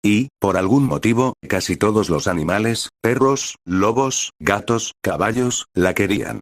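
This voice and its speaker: A man reads a dark storybook chapter in a measured, dramatic way. His voice sits very low. The sound is dry and close. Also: animated, dry recording. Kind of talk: scripted narration.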